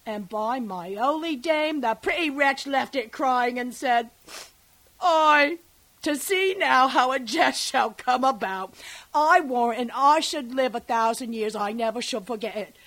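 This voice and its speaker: A woman playing a chatty old nurse, slow and rambling. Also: high-pitched, fairly bright tone, poor audio. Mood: amused. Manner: rambling, digressive, breaks into laughter. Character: garrulous old female nurse, fond and rambling. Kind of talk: classical stage monologue.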